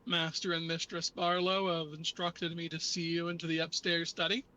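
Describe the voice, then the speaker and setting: A man's voice: a little high, level tone, moderate pace, sharp tone, poor audio. A man voicing a formal, emotionless household butler in a tabletop game. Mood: formal, restrained. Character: formal, straight-faced household butler, unflappable manservant.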